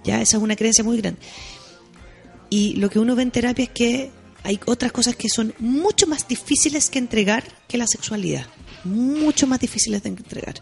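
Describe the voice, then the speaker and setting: A woman's voice: fairly high pitch, normal speed, gravelly. Chilean woman co-host, reflective and explanatory, casual swearing, faint music underneath. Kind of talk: casual chat reading listener messages.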